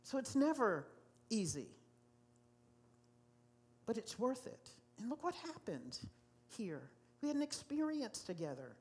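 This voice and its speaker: A woman's voice: on the high side, big pitch swings, a little slow, long pauses, a little mellow. A woman pastor preaching a sermon to a congregation in a church, emphatic and given to repeating key phrases. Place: church sanctuary.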